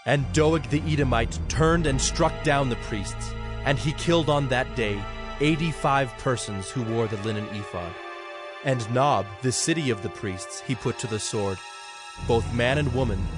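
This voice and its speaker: Over music, a man with a mid-range voice reads scripture from a script, narrating in a measured, formal storytelling style.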